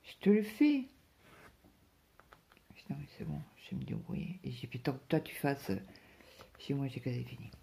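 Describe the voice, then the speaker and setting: A woman's voice: very deep voice, fast, vocal fry. A middle-aged woman telling a chatty story about her day, acting out bits of talk and dropping to a whisper at times. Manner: chatty, quotes her husband in lively bits, drops to whispers. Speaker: crafting vlogger. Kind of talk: casual chat, storytelling.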